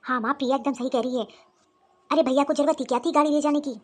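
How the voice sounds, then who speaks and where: A woman's voice: sits high, fairly even intonation, fast, a little mellow, natural voice. A woman voicing a young husband who complains and sulks, in a cartoon story. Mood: grumbling. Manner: complaining, sulky. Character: young husband, grumbling and irritated. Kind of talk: cartoon voice acting.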